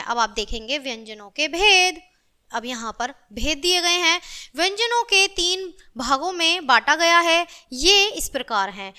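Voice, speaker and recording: A woman with a very high, bright voice teaches a grammar lesson to schoolchildren. She is patient and repetitive, slowly drawing out each sound and checking in with the class again and again.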